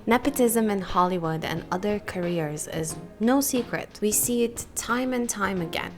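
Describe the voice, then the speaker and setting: A young Turkish woman hosts her own podcast, delivering a candid, emphatic solo monologue. She stresses words by letting her pitch rise.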